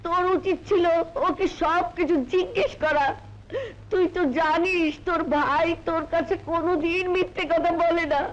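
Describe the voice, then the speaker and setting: A woman's voice: very high-pitched, steady tone, normal speed, dull audio, a little hiss or hum. A stern, loving village mother. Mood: reproachful. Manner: reproachful, then tender and soothing. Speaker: mother of the brothers. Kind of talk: melodramatic film acting.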